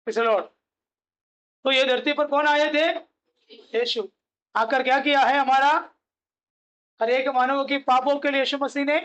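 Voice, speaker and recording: A man's voice: extremely high pitch, fairly even intonation, measured pace, pauses often, fairly bright tone. A male pastor preaching a sermon, asking rhetorical questions, answering them himself and repeating key phrases.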